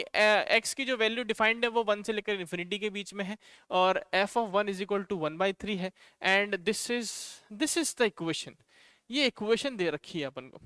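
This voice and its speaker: A fairly high, bright and crisp male voice with an Indian accent, working through a maths problem step by step for students. He talks them through each line, slipping English terms into his explanations. The sound is close and dry, with no room around it. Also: no echo. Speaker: maths teacher. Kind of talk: online exam-prep lecture.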